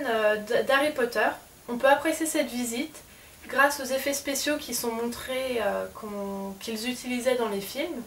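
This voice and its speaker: Woman, casual vlog, chatty, hesitant fillers, somewhat high voice, faint background noise. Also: far from the mic. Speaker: collector showing souvenirs.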